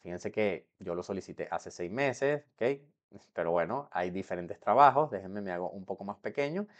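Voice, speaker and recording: A man's voice: sits low, lively intonation, moderate pace, highs cut off. A young man from Venezuela explaining to camera how he moved abroad, in a chatty way that keeps checking in with the viewer. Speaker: vlogger.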